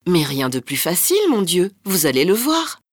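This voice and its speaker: A gentle young apprentice boy from a spoken folk tale, speaking in a calm, simple way, as a woman narrator reads him. The tone is close and dry, not far from her own reading voice. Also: fairly low pitch, normal speed, no room sound.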